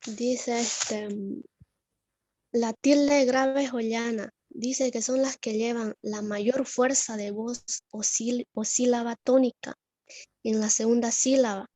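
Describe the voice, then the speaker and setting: Slow, hesitant woman student presenting. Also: a little high, steady tone, mellow, no echo. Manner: hesitant, with fillers. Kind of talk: class presentation.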